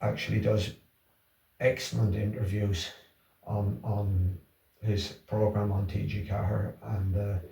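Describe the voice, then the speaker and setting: Creaky, mellow man with a Wexford accent. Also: lowish voice, flat delivery, measured pace, slight background noise. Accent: Wexford, Irish. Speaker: interview guest, Irish language class organiser. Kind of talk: casual conversational interview. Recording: roomy echo, distant from the mic.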